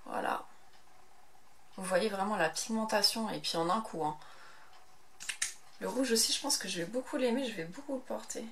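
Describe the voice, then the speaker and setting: A woman's voice: mid-range voice, moderate pace, long pauses, a little hiss or hum. A young woman with a French accent, chatting casually through a beauty product review, rambling a little with hesitations. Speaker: beauty vlogger.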